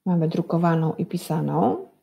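A woman's voice: fairly low pitch, animated, moderate pace, creaky, warm tone, dull audio. A woman teacher giving a recorded lesson for young children, patiently spelling words out sound by sound and asking the class to repeat after her. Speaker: primary school teacher.

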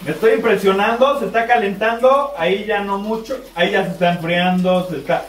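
A man in his thirties with a Mexican accent, testing a product on camera at home with a jokey, excitable manner, talking straight to viewers. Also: high-pitched, brisk, slight background noise. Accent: Mexican Spanish. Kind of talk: casual on-camera product test. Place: home bathroom and shower, indoors. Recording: roomy, distant, faint music.

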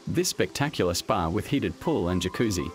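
A man with a lowish voice reads a documentary voice-over in a measured, steady way, his pitch moving freely through each line. Music plays clearly beneath him. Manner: measured, even voice-over delivery. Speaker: documentary narrator. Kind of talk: scripted documentary narration. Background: background music.

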